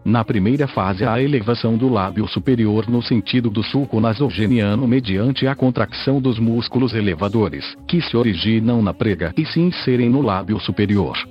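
A synthesized male voice serving as podcast host, reading a scientific article aloud in a measured, even delivery. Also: lowish voice, lo-fi sound, soft background music.

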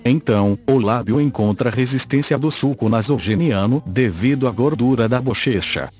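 A synthesized male voice serving as podcast host, reading a scientific article aloud in a measured, even delivery. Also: medium pitch, highs cut off, soft background music.

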